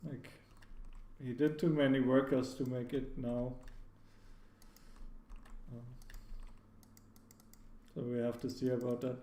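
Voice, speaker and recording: A man's voice: medium pitch, fairly even intonation, slow pace, long pauses, warm tone. A man doing casual live commentary on a video game match, talking in a loose, hedging way full of "like" and restarts. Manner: hedging, filler-heavy analysis with frequent "like" and restarts. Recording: echoey room, faint background noise.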